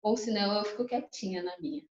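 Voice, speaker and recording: A young woman gives a personal testimony to a church group, telling her story in a lively, emotional way and often turning to the audience. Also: medium pitch, fast. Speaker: testimony speaker at a church couples' course. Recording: echoey, slightly muffled hall recording.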